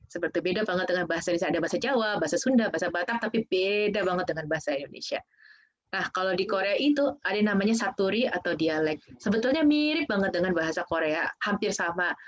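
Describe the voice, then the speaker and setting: A woman guest speaker casually explaining Korean culture in an online Q&A, often saying "kayak gitu". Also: mid-range voice. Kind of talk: online presentation and Q&A. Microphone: video call. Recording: dull lo-fi video call audio.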